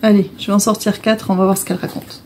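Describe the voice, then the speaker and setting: A woman's voice: mid-range voice, level tone, fast talker, darkish tone, a little hiss or hum. A woman giving a casual oracle card reading, explaining each card in a repetitive, hesitant way. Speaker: tarot and oracle card reader.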